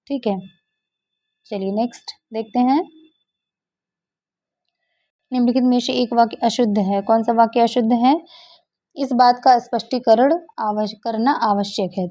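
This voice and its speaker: A woman's voice: fairly high pitch, mellow. A woman teacher walking through exam questions, asking and then answering her own questions. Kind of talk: exam-prep lesson explaining answers. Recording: dull lo-fi recording.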